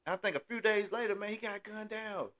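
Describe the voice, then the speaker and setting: A man's voice: high-pitched, quick pace, a bit bright. A man hosting a casual chat, rambling with many restarts and filler phrases. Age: 30s. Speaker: podcast host.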